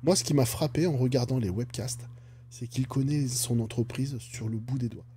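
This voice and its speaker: Chatty man with a mellow voice. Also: mid-range voice, normal speed, slight background noise. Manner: chatty, jokey asides. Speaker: stock analysis YouTuber. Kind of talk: casual finance commentary.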